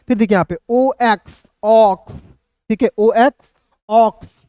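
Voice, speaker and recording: A man teaching English spelling rules, spelling out letters slowly and often asking viewers whether it is clear. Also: high voice, a little mellow, no echo, clean studio sound. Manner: repeats questions to viewers, checks "clear?" often; slow, spelled-out letter drilling. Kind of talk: classroom-style spelling lesson. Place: hot room with a fan running.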